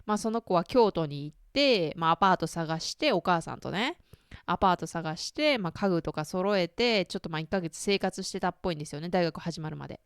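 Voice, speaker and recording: A woman's voice: on the low side, animated, a little fast, clear, resonant tone, dry recording, clean studio sound. A woman in her thirties hosting a casual solo chat, talking to listeners with lots of fillers, asides and self-deprecating questions. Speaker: podcast host.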